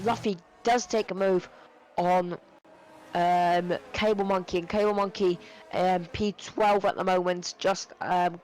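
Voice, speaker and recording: A man giving live sim racing commentary, excitable and rambling with many fillers, his voice going hoarse and cracking. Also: high voice, poor audio. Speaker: race commentator.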